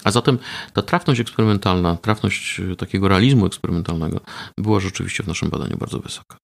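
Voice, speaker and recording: A man being interviewed about research he ran, explaining in a measured way with frequent hesitation fillers. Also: low voice, creaky. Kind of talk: conversational interview.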